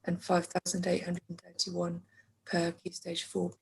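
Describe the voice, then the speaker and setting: Brief: English woman, hoarse and losing her voice, gravelly low tone, measured delivery with many ums, on a video call. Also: monotone, a little mellow. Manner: measured, with frequent ums and throat clearing. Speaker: council finance officer. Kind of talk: online meeting presentation.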